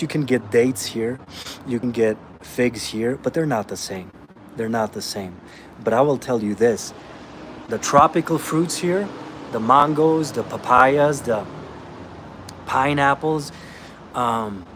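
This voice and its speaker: A man's voice: medium pitch, fairly bright tone, slight background noise. A man from Austria, a fitness coach answering viewer comments in a blunt, emphatic way, calling listeners bro.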